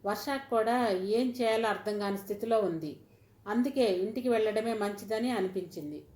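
A woman's voice: mid-range voice, normal speed, a little mellow. Woman narrating a story, echoey room. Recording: roomy echoey recording.

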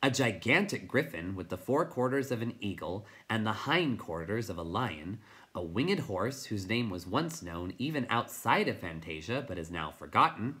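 Man reading a storybook aloud, lively. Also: fairly low pitch, normal speed. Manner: expressive storybook narration.

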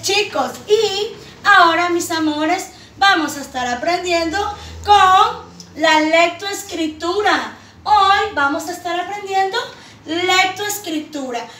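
A woman's voice: extremely high pitch, bright, forceful tone, recorded from a distance, a little hiss or hum. A woman teaching young children to read, stretching out each syllable and calling the pupils her loves and princesses. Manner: slow, drawn-out syllables, affectionate address to pupils. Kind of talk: children's reading lesson. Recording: echoey room, voice from off the mic.

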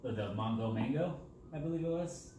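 A man voicing a friendly, easygoing male sock puppet in an improvised home puppet show, chatting in a casual, affectionate, gently prompting way. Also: medium pitch, expressive, fairly quick, lightly acted. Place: indoor kitchen, camera a few feet away. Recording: roomy, distant, very noisy home recording.

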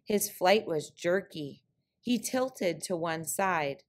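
A woman narrates a picture-book trickster tale. Her voice sits a little low, and she tells it very slowly, with deliberate, clear phrasing. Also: expressive. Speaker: storyteller.

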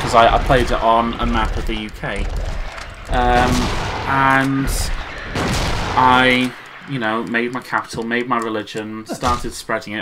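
Guy rambling about a game, lots of ums, medium pitch, hissy noisy recording. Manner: rambling, hesitant with many ums. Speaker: gaming channel co-host. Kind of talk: casual gaming chat.

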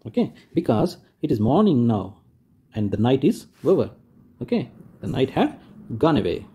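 A man's voice: medium pitch, very animated, normal speed, warm tone, slightly rough, dull audio. A man, teaching a school textbook lesson to children, repeating each point and rephrasing it patiently. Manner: points and demonstrates with "like this".

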